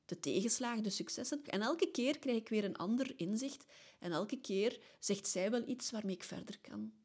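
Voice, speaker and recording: A middle-aged woman speaks with a Flemish accent, her voice a little husky and breathy at the edges. She talks earnestly in a reflective solo podcast monologue. She keeps tagging her phrases with a soft questioning check-in. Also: fairly high pitch, expressive, moderate pace. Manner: earnest, often ends phrases with a questioning tag. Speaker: podcast host.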